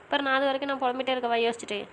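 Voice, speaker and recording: A woman's voice: high voice, flat delivery, rapid-fire, fairly bright tone, slight background noise. A woman voicing a stubborn young college student who insists and pleads. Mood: insistent. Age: young adult. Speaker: voice actor. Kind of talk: audio drama acting.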